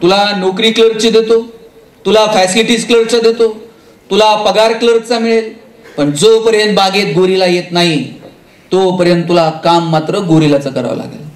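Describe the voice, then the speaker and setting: A man voicing a stern male zoo manager, speaking low and level as he lays down terms. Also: fairly even intonation, normal speed, close to an everyday voice. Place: large theatre hall. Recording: roomy echoey hall sound.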